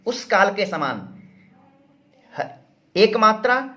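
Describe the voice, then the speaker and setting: A man teaching Sanskrit grammar, repeating each term slowly and asking and answering his own questions. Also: high-pitched, sing-song, bright, forceful tone. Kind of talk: explanatory grammar lesson.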